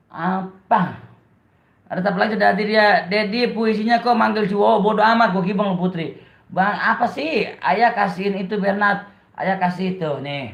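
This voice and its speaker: A man with a Betawi accent chats casually with his live-stream viewers, teasing them and laughing often as he reads their comments. His voice has a gravelly, fried edge. The sound is dull and lo-fi, with a roomy echo around it. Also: high voice.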